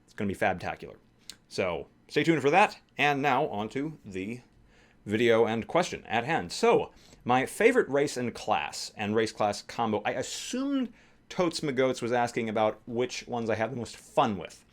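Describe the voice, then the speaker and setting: A man's voice: medium pitch, sing-song, normal speed. A man talking casually to camera as a tabletop game YouTuber and game master, rambling and enthusiastic, often correcting himself mid-sentence.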